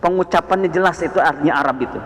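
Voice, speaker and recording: A man with a Sundanese accent teaching a dawn study session on the Quran, with animated rising emphasis on key words. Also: on the high side, rapid-fire. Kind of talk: mosque study sermon. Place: mosque. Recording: echoey mosque hall.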